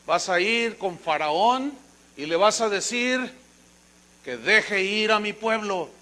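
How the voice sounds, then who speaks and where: A calm, patient voice of God, as a preacher puts it on. He speaks low, soft and slow, dropping below his usual pitch. The tone is gentle and reassuring. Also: exaggerated voice.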